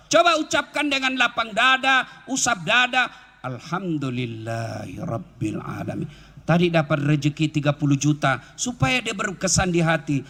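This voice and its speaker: High bright-voiced joking preacher man. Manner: joking, lively, breaks into song. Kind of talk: humorous outdoor sermon. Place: outdoor field gathering.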